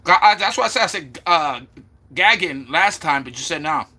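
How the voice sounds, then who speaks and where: A man's voice: a little high, lively intonation, normal speed, bright, forceful tone. A man from Florida chatting casually on a live stream, talking to viewers and sounding out their names over and over. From Florida, USA.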